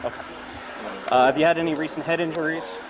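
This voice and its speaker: A man's voice: on the high side, steady tone, quick pace. A male police officer heard as body cam audio at a roadside stop, giving procedural questions and instructions and often checking that he is understood. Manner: procedural, checks understanding with "okay?" and "all right?". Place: outdoors at a roadside traffic stop. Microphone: body-worn camera. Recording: noisy body camera audio, outdoor vehicle hum.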